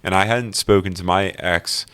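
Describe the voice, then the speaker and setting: Low-voiced man telling a personal story. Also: moderate pace, clear, resonant tone. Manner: earnest, animated storytelling. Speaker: guest.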